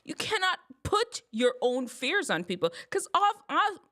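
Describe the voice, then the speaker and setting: Animated woman telling a story. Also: high voice, unhurried. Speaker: host giving advice to teens. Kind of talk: casual storytelling and advice.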